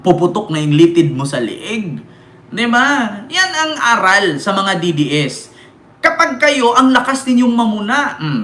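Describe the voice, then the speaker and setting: A man's voice: high voice, bright, forceful tone, a little hiss or hum. A man from the Philippines doing heated political commentary as a vlogger, scolding his target and reading out viewer comments, with constant rhetorical questions. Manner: scolding, rhetorical, keeps asking "di ba?". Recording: echoey room with faint ambience.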